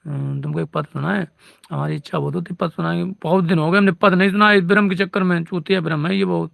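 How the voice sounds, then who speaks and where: Gravelly, higher-voiced man in rambling devotional chat. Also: steady tone, quick pace, fairly bright tone, no echo. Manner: rambling, playful, talks of himself as "we". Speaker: devotional speaker.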